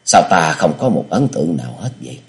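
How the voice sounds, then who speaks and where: A man's voice: low-pitched, big pitch swings, fast, vocal fry, full character voice. A man voicing a bewildered young male swordsman who stammers and has lost his memory. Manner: stammering, bewildered, turning fierce.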